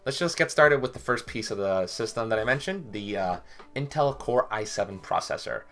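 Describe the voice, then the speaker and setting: Talking casually into the webcam on his desk, a young tech vlogger with a lowish, animated voice walks through computer parts at a normal speed. He sounds a bit bright, a little sick with a cough, and he rambles with plenty of fillers. He's in a small bedroom stacked with hardware boxes.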